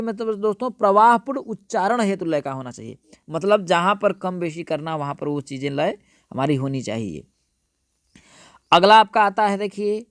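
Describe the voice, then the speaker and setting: A man's voice: sits high, fairly bright tone, no echo, studio quality. A male teacher giving an exam-prep lesson, repeating each point and calling his listeners friends.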